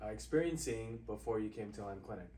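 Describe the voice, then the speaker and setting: A doctor hosting an interview, asking a patient questions in a conversational way with loose phrasing. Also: male voice, on the low side, expressive, quick pace, mellow, a little hiss or hum. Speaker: doctor and host. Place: clinic room. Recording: roomy, slightly distant mic.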